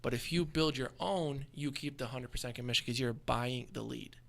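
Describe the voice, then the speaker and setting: A young man who is a guest on a casual interview, agreeable and quick to say yeah, explaining his work. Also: mid-range voice, gravelly.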